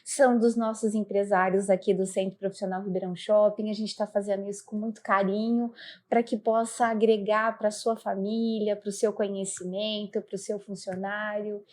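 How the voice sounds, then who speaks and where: A Brazilian woman hosting a podcast interview, giving bright affirmations and a friendly sign-off. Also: mid-range voice, little pitch movement, moderate pace. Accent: Brazilian Portuguese. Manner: warm affirmations and upbeat sign-off. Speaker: podcast host.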